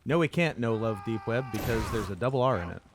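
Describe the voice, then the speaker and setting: A man's voice: mid-range voice, expressive, fast, a little hiss or hum. A man in casual comedic banter as a gaming co-host, riffing playfully and stammering into repeated words.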